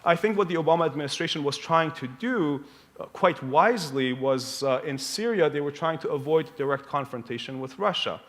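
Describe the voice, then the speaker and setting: A man speaking on a conference panel, making a measured analytical argument with occasional fillers. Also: on the high side, lively intonation, fairly bright tone. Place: conference hall.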